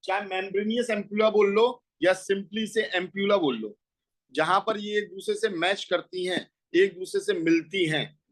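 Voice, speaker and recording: A man gives a school biology lecture in a high-pitched voice with fairly even intonation and a moderate pace. He explains each step and asks and answers his own questions. The recording quality is low.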